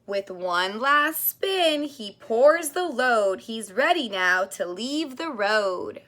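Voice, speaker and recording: Slow, high, animated woman reading a storybook. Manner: expressive, sing-song, with drawn-out words, gasps and hushes. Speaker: daycare teacher reading a picture book to young children. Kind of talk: animated read-aloud of a children's storybook.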